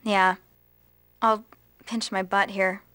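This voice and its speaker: A woman's voice: medium pitch, little pitch movement, slow pace, sharp tone, smooth. A woman reading video game dialogue aloud in a playful, dramatic way. She laughs at herself and redoes her lines. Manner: giggly, self-mocking retakes. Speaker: let's play co-host voicing dialogue.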